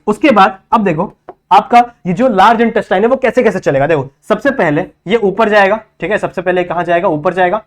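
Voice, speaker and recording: Man teaching biology at a whiteboard. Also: high-pitched. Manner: repeats each term as a question to the class; checks in often with "thik hai". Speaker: biology tutor. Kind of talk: whiteboard lecture in Hindi-English mix.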